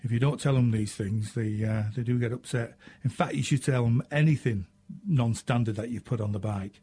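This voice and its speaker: Middle-aged northern English male radio host, slightly husky, relaxed and chatty, fills pauses with ums. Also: medium pitch. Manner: chatty, self-mocking, frequent ums and uhs. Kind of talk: casual radio chat answering listener questions.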